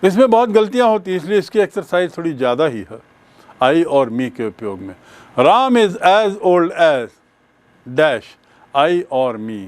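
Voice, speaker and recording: A man teaching a bilingual grammar lecture, speaking deliberately and repeating and spelling out key terms. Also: on the high side, very animated.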